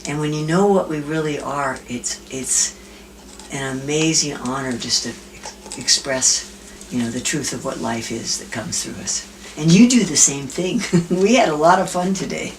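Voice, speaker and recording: An older woman with a low, cheerful voice tells family stories and jokes at a reunion, laughing easily between lines. She sits some way from the mic, and a faint hum of noise runs underneath. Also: normal speed, recorded from a distance. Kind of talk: casual storytelling with jokes.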